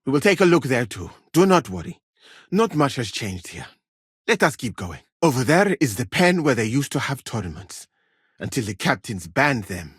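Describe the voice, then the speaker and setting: An actor playing a courteous, dryly witty medieval scholar and physician from Mali in a video game, speaking in formal, measured, precise words. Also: male voice, mid-range voice, very animated, a bit bright, breathy edge, no room sound, studio quality, full character voice. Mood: explanatory. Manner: formal, measured, precise wording without contractions. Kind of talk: video game character dialogue.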